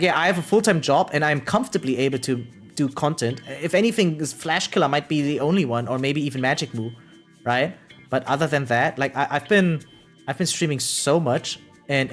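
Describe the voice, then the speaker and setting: With background music behind them, a young adult streamer has a relaxed chat with viewers, reading out comments and answering them. Their voice is medium in pitch and mid-range. The talk meanders, circling back over words, with casual swearing and a habit of self-deprecation.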